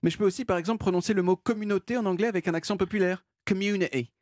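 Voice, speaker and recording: A man's voice: sits high, fairly even intonation, rapid-fire, darkish tone, no room sound. A man giving a playful, self-mocking radio segment into a studio mic, explaining things. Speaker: radio columnist.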